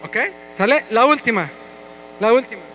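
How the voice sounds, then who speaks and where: In a church hall, a male pastor leads an energetic, playful, interactive sermon with his congregation. His voice is very high and moves at a moderate pace, and the poor-quality audio carries slight background noise.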